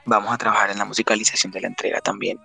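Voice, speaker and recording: A man's voice: on the low side, little pitch movement, rapid-fire, gravelly, bright, forceful tone, husky. A man from Colombia answering radio interview questions about his songs, telling stories reflectively with frequent restarts. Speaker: musician guest.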